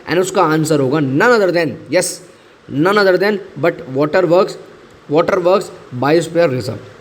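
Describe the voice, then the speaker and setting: A man teaching exam current affairs in a chatty way, mixing in English and repeating key points for his students. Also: fairly high pitch.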